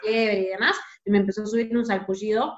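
A young woman with a Rioplatense Spanish accent, a guest in a casual interview who talks loudly and tells stories in a lively way. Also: medium pitch, fast, muffled recording. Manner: loud, lively storyteller.

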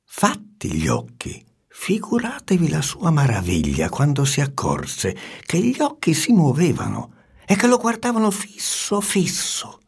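A man reading a storybook aloud with an expressive, swinging delivery and hushed asides. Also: fairly high pitch, a little slow, gravelly, breathy edge.

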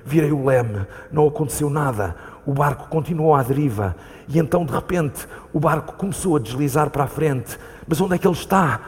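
A frightened man lost at sea, calling out again and again for a companion who is gone, as a man reads him on stage. His European Portuguese voice sits a little high and turns urgent and pleading. The long hall reverb of a live theatre reading hangs around every word. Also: a little fast, lightly acted. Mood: haunted recounting.

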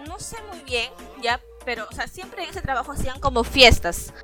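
A woman's voice: high-pitched, expressive, moderate pace, music in the background. A woman chatting casually with friends about her own experiences. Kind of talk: casual chat.

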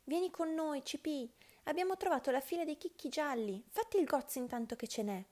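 A woman's voice: high voice, lively intonation, a little fast, voice pushed up. A woman doing cheerful sparrow friends. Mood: inviting. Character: cheerful flock of sparrow companions. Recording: loud background music.

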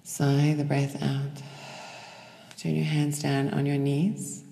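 A yoga instructor giving slow, calm, short cues for a guided breathing practice. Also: mid-range voice, vocal fry, a little hiss or hum. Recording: echoey hall with long reverb.

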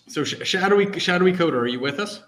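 A man's voice: high-pitched, expressive, fast talker, fairly bright tone. A man co-hosting a casual podcast, asking rambling, teasing questions. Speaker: podcast co-host. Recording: roomy sound with faint music.

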